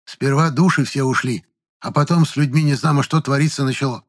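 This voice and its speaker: A man's voice: medium pitch, steady tone, a little fast, pitched above the performer's own voice, close to an everyday voice. A man voicing a shrewd old village fortune-teller woman who probes, commands and grieves in turn. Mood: bitter, pleading. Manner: sharp, probing, commanding, then grieving.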